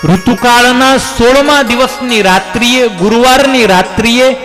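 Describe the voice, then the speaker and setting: A man's voice: very high voice, unhurried, music in the background. A man narrating a devotional religious story in a sermon style, with dramatic rises and drops in his voice.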